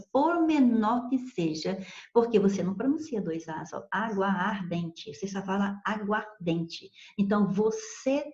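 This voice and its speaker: A woman's voice: mid-range voice, warm tone, echoey room, dull audio. A woman teaching grammar in a recorded video lesson, explaining patiently and checking in with "ok?" and "certo?".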